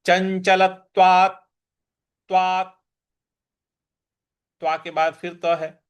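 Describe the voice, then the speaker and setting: A man teaching the recitation of Sanskrit verses, repeating each syllable slowly, stressing sounds and chanting lines in a sung tone. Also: a little high, fairly bright tone. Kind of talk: verse-by-verse pronunciation lesson.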